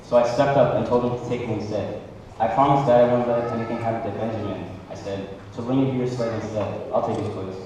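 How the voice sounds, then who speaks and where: An actor playing a brother who offers to take another's place, speaking resolutely. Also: male voice, lowish voice, fairly even intonation, quick pace, warm tone, dull audio, a little hiss or hum, natural voice. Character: brave brother offering himself as slave. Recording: echoey hall, distant mic.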